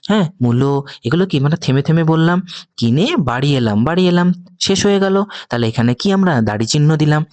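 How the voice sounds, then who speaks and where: A woman's voice: a little mellow, dry recording. Sing-song Bengali teacher woman, dry sound. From West Bengal. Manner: questioning, checks "ঠিক আছে?" often, sing-song teacherly pitch swings. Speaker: teacher giving a demo lesson. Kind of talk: classroom demo lesson on punctuation.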